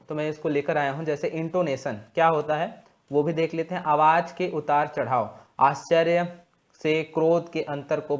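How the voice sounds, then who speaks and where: A young man lectures exam students in a slightly high voice. He explains slowly and repeats key terms, with frequent pauses as he works through his points. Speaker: exam prep teacher.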